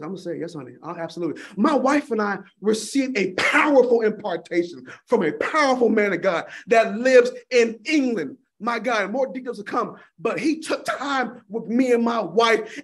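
Casting high-pitched male preacher, fervent sermon delivery, calls the crowd honey. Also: lively intonation, moderate pace, hardly any pauses. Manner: fervent, repeating "my God in heaven" and calling listeners "honey".

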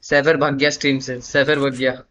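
A man's voice: medium pitch, little pitch movement, brisk, a little hiss or hum. Young man teasing friends over gunfire. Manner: joking, teasing banter with teammates, mixing in English phrases. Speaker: livestreaming gamer. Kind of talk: casual live gameplay commentary. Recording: game gunfire loud under voice. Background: game gunshots and machine-gun fire.

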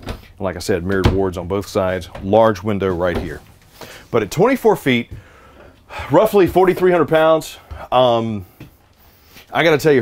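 A man in his forties talks through a casual walkthrough tour with jokey, upbeat salesman patter. His voice sits at an ordinary middle pitch. He is recorded close up inside a small travel trailer. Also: a little mellow. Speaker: RV reviewer.

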